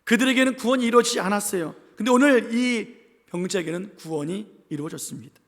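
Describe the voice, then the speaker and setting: A man from the capital region preaches a sermon in a church sanctuary. His voice sits high and carries a gravelly fry, and a long hall reverb trails every phrase. He preaches with emphasis and leads the congregation in call-and-response. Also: fairly bright tone. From Seoul capital region. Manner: acts out quoted voices in his telling. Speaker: pastor.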